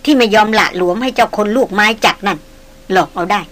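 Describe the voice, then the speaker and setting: A woman voicing a bold, frank young woman in a spoken novel reading, brisk and teasing. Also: medium pitch, expressive, close to an everyday voice.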